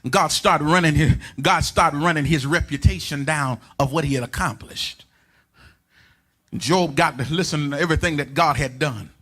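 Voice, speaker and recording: High-voiced preacher chanting his sermon. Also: normal speed. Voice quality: sing-song preaching cadence that climbs into shouted, chanted lines. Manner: repeats phrases and asks the congregation to answer. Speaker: pastor. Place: church sanctuary.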